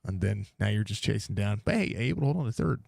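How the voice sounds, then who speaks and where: A man's voice: lowish voice, lively intonation, fast talker, vocal fry, a little mellow, dry recording, clean studio sound. A man hosting a sim racing broadcast, interviewing drivers in a casual, upbeat way after the race.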